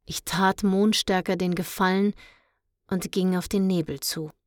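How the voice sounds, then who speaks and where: A woman tells a children's story in the first person, slowly and calmly, in a fairly low voice. The reading is measured and even. The sound is dry and close, with no room around it. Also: no room sound. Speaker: audiobook reader.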